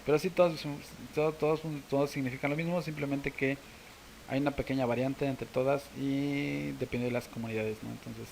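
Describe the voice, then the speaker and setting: A man with a Mexican Spanish accent, teaching a language casually to camera and slowly repeating words for practice. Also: mid-range voice, steady tone, creaky, darkish tone, slight background noise, poor audio.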